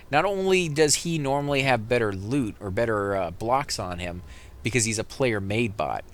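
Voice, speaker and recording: A man giving casual, rambling let's play commentary, correcting himself as he goes and getting excited in fights. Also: fairly low pitch, a little hiss or hum. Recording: game music loud behind voice. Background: game music and vehicle sounds.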